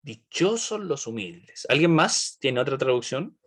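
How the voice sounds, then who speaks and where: A man's voice: medium pitch, very animated, measured pace, husky. A man leading an online Bible study, asking the group questions and checking in with "right?".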